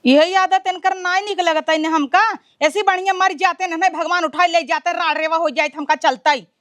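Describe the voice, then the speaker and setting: A woman with an Awadhi accent playing a sharp-tongued, cursing village mother-in-law in a comedy sketch. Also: very high voice, fairly even intonation, moderate pace, dry recording. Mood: scolding. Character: scolding old village mother-in-law under sixty.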